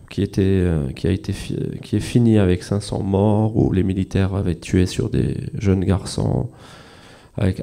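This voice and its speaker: A man's voice: lowish voice, creaky, mellow. A man from Algeria, a comics author, speaking earnestly and directly to an audience. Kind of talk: casual talk to an audience.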